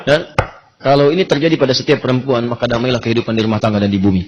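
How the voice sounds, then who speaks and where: A male preacher telling a story in a sermon, animated and asking his audience questions. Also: medium pitch, racing, lo-fi sound, a little hiss or hum.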